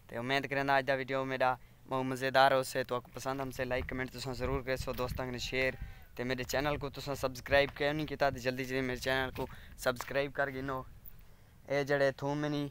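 A man's voice: mid-range voice, monotone, fairly quick, fairly bright tone, slight background noise. A man with a Saraiki accent, vlogging casually from outdoor farm fields on a phone camera and rambling on to his viewers. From Pakistan. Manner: rambling, chatty, keeps asking viewers to subscribe. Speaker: village vlogger. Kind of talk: casual walking vlog.

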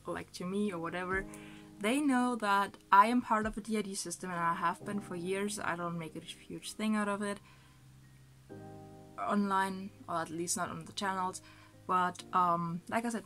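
A young woman with a mid-range, slightly bright voice vlogs casually from a small bedroom, talking to the camera and doing a food voice-over. She's hesitant and chatty, full of fillers, and sounds a little sick.

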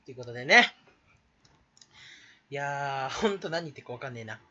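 Guy ranting to camera, all over the place, fast and sharp sounding, kinda dull lo-fi audio. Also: expressive. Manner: rambling, self-mocking, bursts into shrill imitated laughs. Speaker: YouTuber. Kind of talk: casual solo rant to camera.

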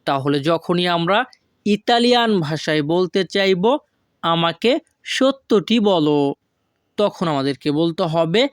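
Slow, high-voiced man teaching phrases. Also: expressive, no echo, clean studio sound. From Bangladesh. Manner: slow, drawn-out word-by-word pronunciation of foreign phrases. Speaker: language teacher. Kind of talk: language lesson.

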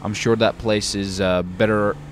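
A man's voice: lowish voice, little pitch movement, moderate pace, noisy background. A young man from the UK chatting casually while roleplaying in a driving game, rambling and saying "dude" a lot. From United Kingdom. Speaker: roleplay streamer.

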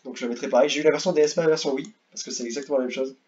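Young man, casual gaming commentator; rambly, excitable, muffled home recording. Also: medium pitch, very fast. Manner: rambling, repeats words, excitable bursts. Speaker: gaming youtuber. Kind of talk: casual tier-list commentary.

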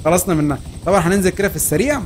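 Man, Egyptian Arabic accent, gaming commentary, high voice, rapid-fire talk, excitable. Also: a little hiss or hum. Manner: rapid, laughing, shouting in excitement. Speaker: gaming channel host.

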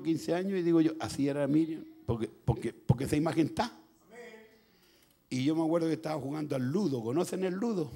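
A male pastor with a Chilean Spanish accent preaching a sermon through a personal story, going from hushed telling to loud shouting. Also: a little high, creaky, husky.

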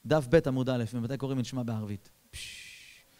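A man, a rabbi, telling a story in a sermon, talking straight to his listeners in casual speech, with loud bursts and soft low asides. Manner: addresses listeners directly, colloquial.

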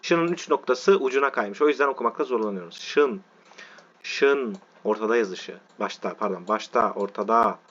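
A male teacher giving an online lesson, walking through letter forms slowly and often checking that his listeners are following. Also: fairly low pitch, a bit bright, husky. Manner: repetitive, checks in with "tamam mı arkadaşlar". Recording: dull lo-fi audio.

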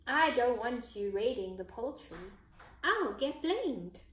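A woman's voice: on the high side, big pitch swings, takes it slowly, a bit bright, slight background noise, heavily acted. Woman voicing male storybook fox, sly, wary, defensive, roomy echo.

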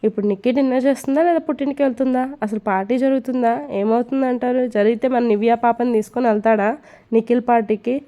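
A woman's voice: fairly high pitch, steady tone, quick pace, dull audio. A woman storyteller reading a serialized story aloud, carrying on straight through her slips. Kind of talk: storybook narration.

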